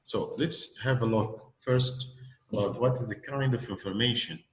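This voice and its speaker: A man's voice: medium pitch, steady tone, moderate pace, roomy sound, low-quality recording. A man with an Egyptian accent teaching English one-on-one, hesitant and full of fillers and restarts. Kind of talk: one-on-one speaking lesson.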